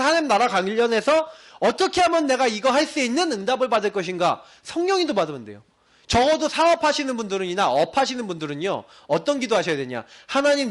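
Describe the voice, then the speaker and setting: A male pastor preaching a sermon to his congregation, swinging between loud emphasis and low, quiet asides.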